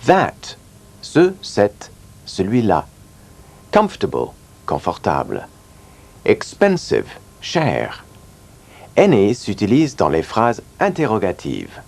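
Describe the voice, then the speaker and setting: A man leads a scripted English lesson at an unhurried pace. His lowish voice swings widely up and down as he sounds out each word for repetition. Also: huge pitch swings, darkish tone. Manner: slow, clearly articulated drilling of words. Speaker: language teacher.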